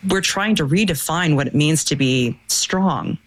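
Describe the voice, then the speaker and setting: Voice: mid-range voice, a little slow, a bit bright, poor audio. An interviewer asking long, thoughtful, analytical questions in a conversational tone.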